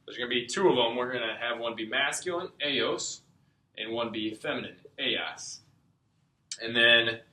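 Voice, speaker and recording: A man with a sharp tone and a lowish voice gives a patient, step-by-step language lesson as a Spanish tutor. He keeps checking in with "okay?", and the room he's in sounds echoey.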